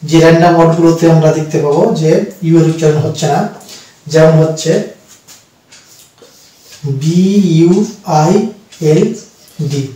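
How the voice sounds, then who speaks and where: A man teaching English pronunciation, speaking slowly and repeating words syllable by syllable as he explains. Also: on the high side, flat delivery, mellow. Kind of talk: pronunciation lesson. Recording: echoey room, mic far off.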